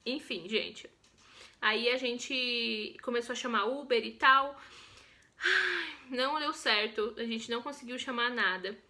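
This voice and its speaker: A young Brazilian woman with a Brazilian Portuguese accent, telling her own birth story in a chatty, expressive vlog. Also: on the high side, measured pace.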